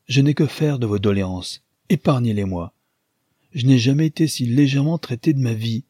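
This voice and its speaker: A man with a husky voice voicing an impetuous young wife who scolds with imperious, haughty commands. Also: lowish voice, unhurried, dark tone, no echo, clean studio sound. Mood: furious. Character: impetuous young wife, tender then fiery-tempered.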